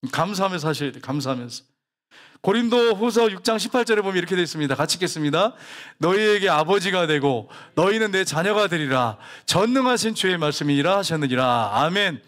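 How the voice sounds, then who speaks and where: A man's voice: high-pitched, fairly bright tone. A man preaching a sermon to his congregation, telling stories and asking the congregation questions. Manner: folksy storytelling, rhetorical questions, acted quotes. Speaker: pastor.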